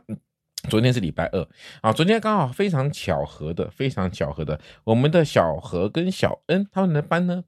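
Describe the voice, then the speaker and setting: A woman's voice: extremely low pitch, a little mellow, no room sound, clean studio sound. A woman hosting a casual talk show with children, playfully teasing and quizzing them. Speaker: podcast host.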